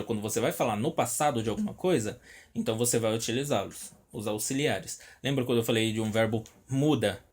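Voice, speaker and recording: A man's voice: medium pitch, slightly rough. A Brazilian man teaching an online English lesson, repeating each word and checking in often with his students. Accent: Brazilian Portuguese. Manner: explains slowly, repeats words, checks in with "tá?" constantly. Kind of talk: recorded online language lesson.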